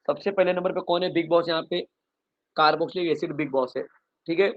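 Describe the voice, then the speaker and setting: A man's voice: fairly high pitch, brisk, muffled recording. A man teaching a chemistry revision lecture online. He calls the students "kids", asks questions and answers them himself, and writes on a board as he explains a story mnemonic. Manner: writes on a board while talking.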